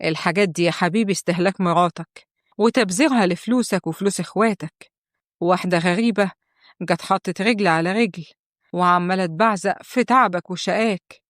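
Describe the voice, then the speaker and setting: A woman's voice: fairly low pitch, a little fast, no echo, lightly acted. Brief: woman as a scolding, guilt-tripping Egyptian mother-in-law, storybook narration, dry and close. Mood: reproachful. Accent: Egyptian Arabic.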